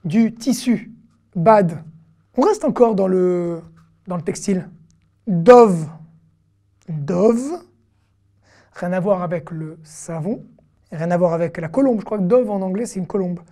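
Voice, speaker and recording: Mellow-voiced woman teaching a language. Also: mid-range voice. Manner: repeats each word several times, patient and explanatory. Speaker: Hebrew teacher. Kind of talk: online language lesson.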